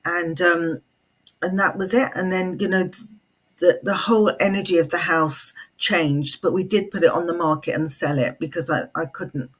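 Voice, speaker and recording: A middle-aged British woman telling a personal ghost story in conversation, fireside storytelling with deliberate pauses and repeated phrases. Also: fairly low pitch, fairly even intonation, breathy edge. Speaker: guest, psychic storyteller and Feng Shui consultant.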